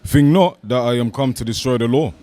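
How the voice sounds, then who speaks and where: A man at mid pitch reads scripture aloud at a steady, measured pace. He calls out each chapter and verse before he reads it. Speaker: scripture reader.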